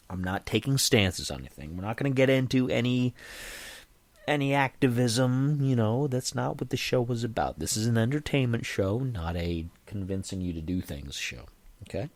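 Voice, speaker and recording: Podcast guy rambling along, lowish voice bouncing all over, keeps restarting sentences, dry close sound. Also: no echo. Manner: chatty, digressive, often restarts and self-corrects; earnest, reassuring asides to listeners. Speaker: podcast host. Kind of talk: casual rambling monologue.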